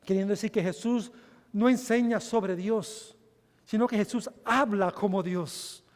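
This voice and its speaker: High-voiced man preaching in a reverberant hall. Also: steady tone, unhurried. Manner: preaches each point in Spanish, then repeats it in English; calls the congregation brothers. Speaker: pastor. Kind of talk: bilingual sermon.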